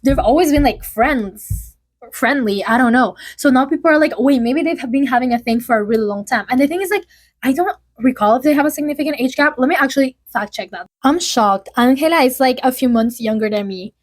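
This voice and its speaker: A woman's voice: high-pitched, lively intonation, brisk. A woman in her early twenties chatting casually as a vlogger, telling gossip with lots of "like" and fillers. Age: early 20s.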